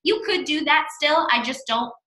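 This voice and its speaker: Bright, emphatic woman coaching in an echoey room. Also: sits high, expressive, normal speed. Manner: emphatic, repeats words for stress, blunt. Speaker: fitness coach training a sales team. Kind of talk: casual coaching talk.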